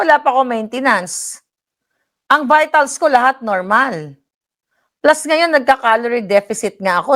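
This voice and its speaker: A woman hosting a live reaction vlog, mocking and taunting her rival, laughing often and reading viewer comments. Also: medium pitch.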